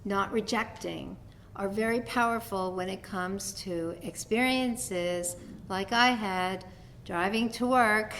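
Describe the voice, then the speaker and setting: A woman's voice: fairly low pitch, slight background noise. New York woman giving a dharma talk. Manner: conversational, storytelling with light laughs. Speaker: dharma teacher. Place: meditation hall talk.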